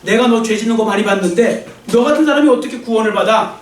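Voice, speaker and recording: A man's voice: sits high, fast, natural voice. A man voicing a scornful male devil who taunts sinners with sneering accusations. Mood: taunting. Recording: echoey church sound from a distant mic.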